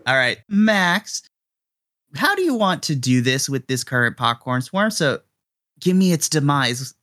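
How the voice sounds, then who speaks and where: Brief: male dungeon master, bright tone, animated, laughs a lot. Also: mid-range voice, measured pace. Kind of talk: narrating a tabletop game.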